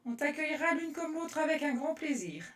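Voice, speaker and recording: A woman from France demonstrating card-making on a live stream, chatting with viewers by name between steps in a relaxed way. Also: high-pitched, fairly quick. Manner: chatty and relaxed, answers live comments by name, laughs often. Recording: roomy echo, voice from a distance.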